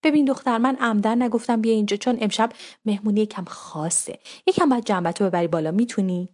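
A woman voicing a bossy older mother in a spoken story, brisk and scolding. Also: mid-range voice, darkish tone, natural voice.

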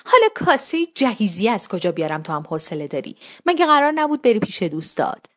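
A woman voicing a bossy older mother in a spoken story, brisk and scolding. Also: mid-range voice, sing-song. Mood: irritated.

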